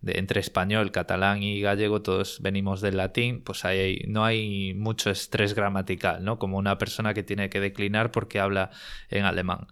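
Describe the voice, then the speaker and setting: Low-voiced Spanish man explaining. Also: flat delivery, normal speed, fairly bright tone, smooth. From Galicia, Spain. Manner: explanatory, with many fillers. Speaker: guest. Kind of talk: casual interview talk.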